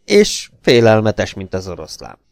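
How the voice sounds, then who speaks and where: A man voicing a burly, bearded sailor who is boastful and rough-mannered in an audiobook reading. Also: lowish voice, wildly swooping pitch, a little mellow, dry recording, clean studio sound, exaggerated voice. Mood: swaggering. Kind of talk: audiobook character voice.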